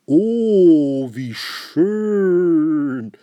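A man voicing a fat, cigar-smoking rich gentleman who speaks in slow, breathless raptures. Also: on the low side, expressive, husky, no echo, voice pushed up, full character voice. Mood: breathless delight.

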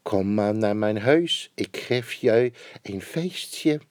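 A man's voice: on the low side, expressive, slow pace, darkish tone, no echo, clean studio sound. A man voicing a sly male snake that lures its prey in a storybook reading.

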